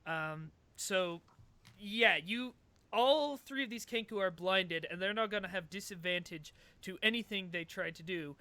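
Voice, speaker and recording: Man, game master, high bright voice, crisp and dry. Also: no room sound. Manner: quick, questioning, explains rules. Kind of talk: narrating a tabletop game.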